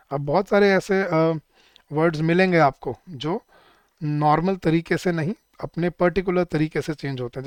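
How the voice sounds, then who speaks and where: A man's voice: on the high side, dry recording, studio quality. A man teaching an exam-prep grammar lesson, listing word pairs and quizzing his students. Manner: lists word pairs, quizzes students, calls them guys. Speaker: English teacher.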